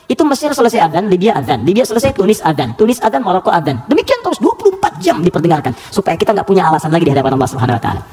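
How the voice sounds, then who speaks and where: Rapid, animated preacher man. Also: high-pitched. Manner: animated, rhetorical questions, acts out quotes. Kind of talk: lively sermon to a live audience.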